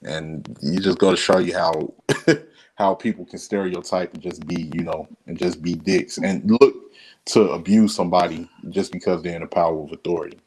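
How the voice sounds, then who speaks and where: A man from Chicago recounting a personal story in a relaxed, matter-of-fact way during casual chat. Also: low-pitched, normal speed, poor audio.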